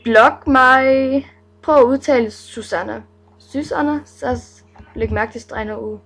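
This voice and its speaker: Giggly higher-pitched young woman vlogger. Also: fairly bright tone, faint music behind, low-quality recording. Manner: chatty, giggly, playful asides. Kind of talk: casual reading of viewer names.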